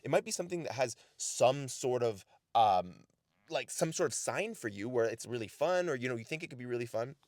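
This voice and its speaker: This is a casual motivational talk to camera from a man from Canada, filmed outside in snow. He's earnest and direct, leaning on "right?" and "the reality is" again and again, with an animated, brisk, mid-range voice of darkish tone and clean, dry studio sound.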